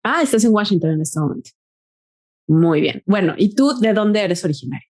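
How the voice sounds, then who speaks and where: A woman hosts a podcast in a chatty, enthusiastic way. Her voice sits at a medium pitch, and her delivery shifts from scripted intro reading to relaxed conversation with her guest. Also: moderate pace. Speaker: podcast host.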